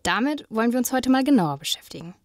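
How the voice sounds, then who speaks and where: A woman's voice: fairly high pitch, expressive, fast talker, no room sound, studio quality. Young woman presenting a scripted podcast. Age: young adult. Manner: smooth, read-from-script linking. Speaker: podcast co-host, journalism student.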